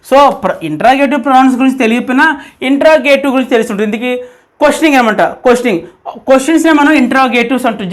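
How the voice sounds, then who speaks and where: Fast, high-voiced grammar teacher. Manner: repeats key points, asks rhetorical questions; dictates English examples slowly word by word. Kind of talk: spoken grammar lesson.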